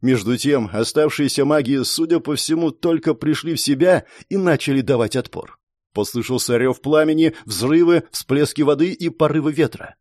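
Slightly high male narrator, dramatic first-person fantasy read, close and dry. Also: moderate pace, darkish tone, no echo. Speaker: audiobook narrator.

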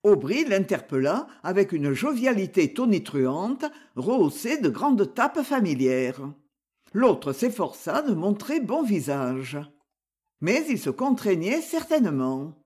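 A reader narrating a detective novel in a measured, expressive way. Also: medium pitch, slightly rough.

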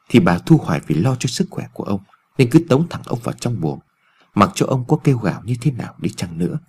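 A man narrating a ghost story in an expressive storytelling reading. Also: medium pitch, breathy edge.

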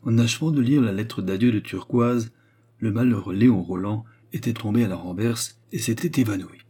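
A man narrating a novel as an audiobook in a measured storytelling manner. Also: on the low side, dark tone, slightly rough.

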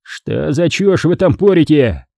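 A reader doing a gruff, contemptuous gang boss. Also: male voice, fairly high pitch, animated, measured pace, warm tone, no room sound, studio quality, pitched above the performer's own voice, heavily acted. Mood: menacing. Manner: rough and contemptuous. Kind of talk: audiobook character voice.

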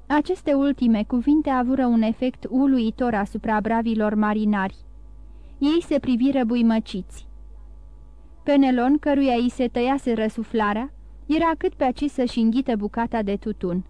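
A woman narrating a classic novel in an expressive, measured reading. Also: a little high, dry recording, muffled recording. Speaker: audiobook narrator.

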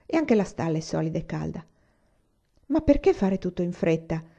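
A man's voice: fairly high pitch, sing-song, normal speed, vocal fry, dark tone, exaggerated voice. A woman voicing a worried, protective pioneer father who speaks earnestly, in a slightly dull lo-fi recording.

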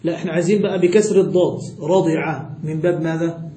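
A man's voice: on the high side, fairly even intonation, very fast, warm tone, echoey room. A man teaching a jurisprudence lesson with an Egyptian accent, stretching words and quizzing his students. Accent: Egyptian Arabic. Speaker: sheikh teaching Islamic jurisprudence. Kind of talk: classroom lesson with questions to students.

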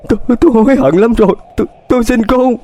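A man's voice: very high-pitched, fast talker, warm tone, voice pushed up. Man putting on a stammering, panicked old woman. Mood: panicked begging. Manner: stammering, pleading, sobbing. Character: terrified guilt-ridden older woman begging a ghost.

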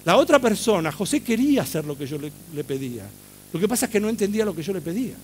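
Middle-aged Argentine man, high voice, lively talk speaker who quizzes the audience. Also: fast, a little hiss or hum. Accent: Argentine Spanish. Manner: animated storytelling, asks the audience questions. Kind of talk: public talk to a live audience.

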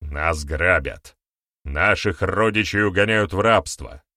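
A male audiobook narrator voicing a stern warrior-chief who speaks forcefully and with heavy emphasis. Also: low voice, slow pace, no echo, studio quality, heavily acted. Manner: forceful, emphatic, barking orders. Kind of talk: audiobook character voice.

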